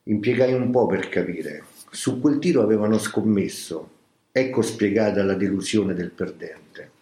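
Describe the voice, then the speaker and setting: A man reading a memoir aloud as scripted audiobook narration, in a slow, grave, measured way. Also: on the low side, warm tone. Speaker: reader of a memoir. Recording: roomy echo.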